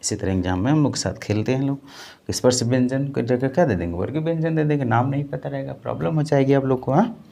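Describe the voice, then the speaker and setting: A man's voice: mid-range voice, fast, gravelly, mellow. A man teaching an exam-prep lecture, repeating key terms and asking them back to his students as questions. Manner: drills by call and answer, addressing viewers as friends.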